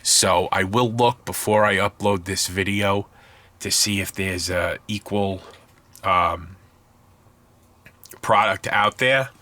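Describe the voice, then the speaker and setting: Low-pitched and sharp in tone, a man speaks slowly with long pauses. Stuffed up and congested, he rambles casually while displaying his scale model build in a hobby tutorial, correcting himself as he goes.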